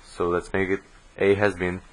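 A man teaching a programming course, explaining code step by step as he types in a screen recording, on low-quality audio. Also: completely flat delivery. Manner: slow, step-by-step explaining while typing code. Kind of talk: screen-recorded coding tutorial.

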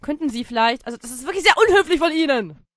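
German-accented woman gaming host, playful and goofy, high and sharp in tone. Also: animated, fast, no room sound, studio quality. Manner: silly, bursts of shouting, narrates in mock-story tone. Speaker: gaming YouTuber. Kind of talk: playful let's-play commentary.

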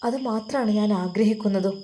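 A woman voicing a worried young woman who talks quietly and hesitantly, close to tears. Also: medium pitch, brisk, slight background noise, natural voice.

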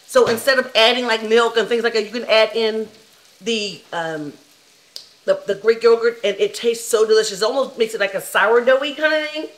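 A woman's voice: fairly high pitch, moderate pace, low-quality recording. A woman hosting a casual cooking vlog, chatting and explaining recipes to viewers.

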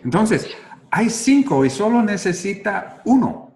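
A man teaching pronunciation to Spanish speakers, speaking slowly and repeating words for listeners to echo. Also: high-pitched, sing-song, a little mellow. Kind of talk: bilingual pronunciation lesson. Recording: roomy echo.

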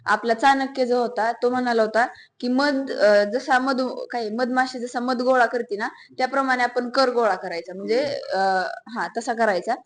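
Hesitant student reciting a lesson. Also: female voice, on the high side, fairly even intonation, normal speed. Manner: hesitant, many fillers. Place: classroom.

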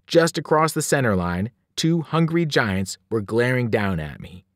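A man, a teacher, reading a novel aloud in an animated storytelling voice, rising and falling with the action. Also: unhurried, dry recording, studio quality. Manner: animated storytelling, shifting pitch and loudness with the action. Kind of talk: expressive read-aloud narration.

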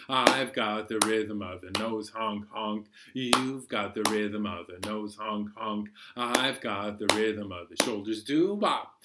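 A middle-aged man with a lowish voice hosts a library-style children's storytime from his living room, singing children's songs and reading picture books in a rhythmic, playful way. The recording is very noisy.

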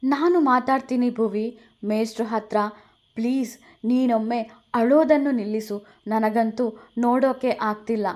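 A woman reading a young man caught in a rushed marriage, anxious and pleading. He speaks in a raised, slightly high voice. The delivery is heated rather than calm. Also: natural voice.

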